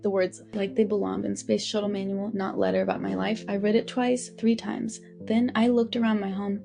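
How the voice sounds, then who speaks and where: A woman in her seventies narrating a scripted first-person family story in a measured, grave way with dry asides. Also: mid-range voice, little pitch movement, vocal fry, music in the background. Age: 70s.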